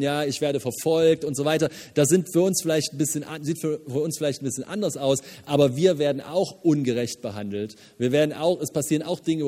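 Lively pastor preaching in a hall. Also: male voice, on the high side. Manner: lively, emphatic preaching with casual asides and laughs. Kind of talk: sermon. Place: church hall.

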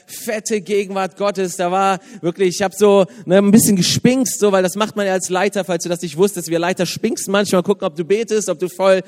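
A man's voice: high voice, a little fast, few pauses, big-room sound. A man in his thirties, a youth pastor, giving a casual, joking sermon in church. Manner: chatty, joking, lively, laughs often. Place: church hall.

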